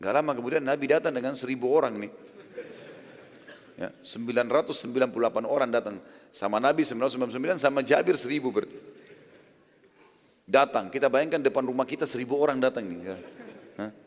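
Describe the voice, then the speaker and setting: A man's voice: medium pitch, fast talker, long pauses. Male preacher, chatty storytelling sermon, mid-range voice, long hall reverb. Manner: conversational, explains and asks listeners.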